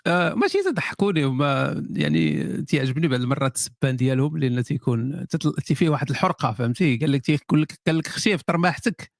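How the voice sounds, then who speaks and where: A man's voice: medium pitch, sing-song, rapid-fire, creaky, no echo, clean studio sound. A man with a Moroccan accent chatting casually on a live stream as an author answering viewers, sardonic, often repeating and restarting his phrases.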